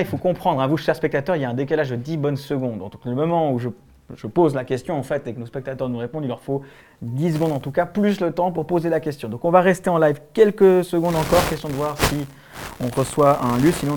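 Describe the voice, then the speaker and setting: A man's voice: a little high, a little fast, darkish tone. A man with a Swiss French accent hosting a live-stream talk show, rambling with many fillers. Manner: rambling, hesitant, lots of fillers. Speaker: host.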